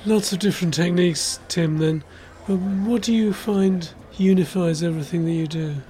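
A man's voice: sits high, moderate pace, mellow. A man hosting a pub discussion, asking questions with a jokey, bantering manner. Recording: crowd noise behind.

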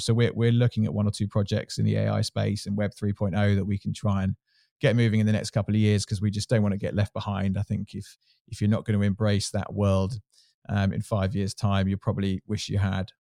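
A man with a Home Counties English accent and a lowish voice, recorded close and dry. He talks casually as an interview guest, frank and modest about himself. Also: creaky, mellow, no room sound. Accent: southern English, Home Counties. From Surrey, England. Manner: candid, self-deprecating. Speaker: interview guest, sports marketing executive.

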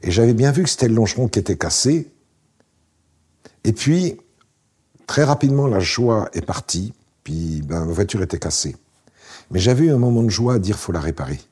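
Casting: man, late 60s, low voice, very husky, relaxed wry storyteller. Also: normal speed, pauses often. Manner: relaxed, wry, anecdotal with frequent fillers. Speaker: interview guest, founder. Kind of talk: casual storytelling interview.

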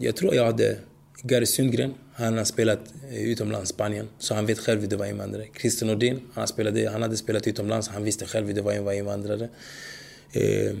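Gravelly man telling stories in a podcast. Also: fairly low pitch. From Sweden. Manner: animated storytelling, frequent "förstår du vad jag menar". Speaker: guest, former footballer. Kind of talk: podcast interview.

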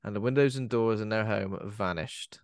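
A man's voice: fairly low pitch, moderate pace, no room sound. A man, co-hosting a podcast in casual, giggly chat. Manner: giggly, playful, trailing off. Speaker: podcast co-host.

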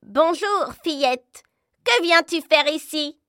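Cast a woman as a chatty storybook crow: high, squawky, loud, lively up-and-down voice. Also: takes it slowly, dry recording, clean studio sound, exaggerated voice. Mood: excited. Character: cawing talkative crow, loud and chirpy.

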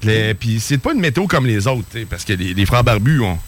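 A man with a Quebec French accent co-hosting a podcast, talking in a rambling, animated way. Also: on the low side, brisk. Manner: rambling, animated, full of fillers. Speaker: podcast co-host. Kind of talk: casual studio banter.

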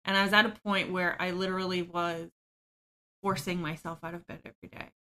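Her voice is fairly low and sharp, level in tone, and a little fast as she talks frankly about her life on a podcast. This guest is open and self-deprecating, laughs easily, and often says "um."

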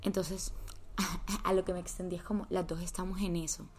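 Young woman, colombian accent, lowish pitch, casual podcast talk, slangy and chatty. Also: little pitch movement, moderate pace, a little mellow, a little hiss or hum. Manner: chatty storytelling with slang and swearing. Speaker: podcast co-host.

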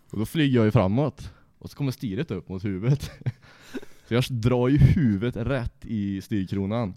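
A man's voice: on the low side, warm tone, dry recording, studio quality. A young man casually telling a rowdy anecdote, swearing freely and laughing as he goes. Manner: profane, laughs through his story. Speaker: storyteller.

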